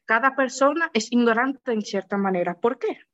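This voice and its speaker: A woman's voice: on the high side, lively intonation, moderate pace, fairly bright tone, highs cut off. A woman, chatting frankly as a podcast co-host and acting out quoted voices. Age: 20s. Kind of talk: casual podcast chat.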